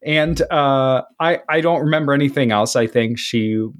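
A man co-hosting a podcast, telling a long story in casual chat with lots of fillers and restarts. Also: normal speed. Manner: rambling storyteller, lots of filler and restarts, swings pitch for quoted voices. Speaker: podcast co-host.

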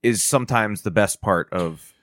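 A man's voice: fairly low pitch, moderate pace, a bit bright, no echo, studio quality. A man chatting casually as a podcast co-host, loose and full of fillers. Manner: loose, lots of "like", chuckling asides. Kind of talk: casual chat.

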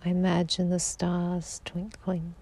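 A woman guiding a sleep meditation in a slow, soothing voice that drifts into whispers. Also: fairly low pitch, monotone, mellow. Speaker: sleep hypnosis guide.

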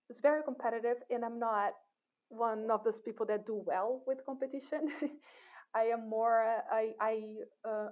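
A woman researcher being interviewed, talking thoughtfully with frequent restarts. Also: medium pitch. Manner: thoughtful, with many restarts and fillers. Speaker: guest, cognitive science researcher. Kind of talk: casual interview talk. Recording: tinny phone-like call audio.

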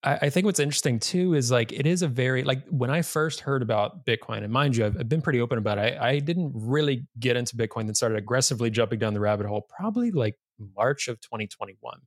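Talking fast with hardly any pauses, a podcast host from the Massachusetts area in the US keeps a casual interview conversation going in a rambling way. He has a mid-range voice and lively intonation, peppers everything with "like," and often starts sentences over. It's studio quality with no room sound.

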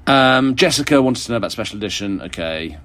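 A man, an author answering readers' questions in a wry, chatty way, his voice croaky with vocal fry and hoarse from a cold. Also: medium pitch, animated, fast, fairly bright tone. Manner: wry, chatty, self-mocking. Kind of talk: casual monologue answering audience questions.

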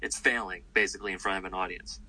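A man's voice: low-pitched, fast, poor audio. A male comedian being interviewed, talking in a loose, rambling way with lots of fillers and restarts. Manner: rambling and animated, with many fillers. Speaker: comedian guest. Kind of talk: casual interview talk.

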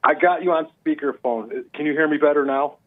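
A man's voice: fairly high pitch, fairly even intonation, a little fast. A male caller on a speakerphone line, talking earnestly and reflectively from his own experience. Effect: phone on speakerphone. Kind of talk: call-in radio chat. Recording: tinny speakerphone call line.

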